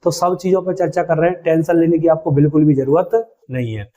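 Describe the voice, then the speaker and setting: Male maths tutor, mellow and a bit high, drills students with call-and-response. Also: fairly even intonation, brisk, lo-fi sound. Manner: call-and-response drilling, asks then answers himself; calls students "beta" and "bhai". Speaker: maths teacher. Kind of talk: exam-prep maths lesson.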